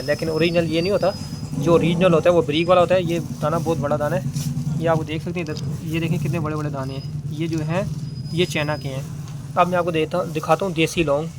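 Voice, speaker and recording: A man's voice: on the high side, noisy background. A man with a Pakistani Urdu accent walks through his spice stock in casual sales talk, calling out prices over and over. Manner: repetitive price-calling, plain salesman patter. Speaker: spice and dry fruit seller.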